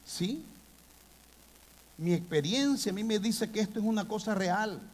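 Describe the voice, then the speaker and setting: A man preaching a sermon, impassioned, with sudden loud bursts. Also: high voice, lively intonation, unhurried. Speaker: pastor. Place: church hall. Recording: long hall reverb.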